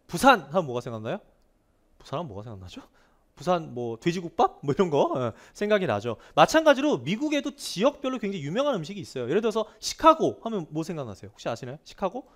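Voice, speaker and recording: This male grammar teacher lectures quickly and with energy, his somewhat high voice ranging broadly up and down. Animated throughout, he peppers students with rhetorical questions and hammers key words through repetition.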